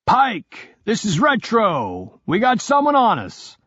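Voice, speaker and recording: A man doing a high, urgent operative on the radio. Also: wildly swooping pitch, slow pace, fairly bright tone, no room sound, muffled recording, full character voice. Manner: urgent, clipped warnings. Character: tense male operative on a radio call.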